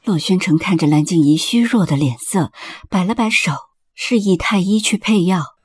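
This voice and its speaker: A woman narrating a palace drama audiobook in a steady, expressive storytelling voice. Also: fairly low pitch, moderate pace, slightly rough, dry recording, clean studio sound.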